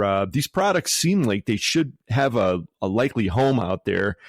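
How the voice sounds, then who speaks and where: A man's voice: on the low side, no echo. A man hosting a casual podcast interview, asking long, rambling questions with plenty of fillers. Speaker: podcast host.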